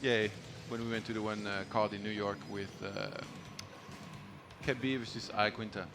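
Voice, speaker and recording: Over background music, a man casually banters and pokes fun at himself while commentating on a StarCraft esports tournament. His voice is fairly low, his delivery flat, and his pace moderate.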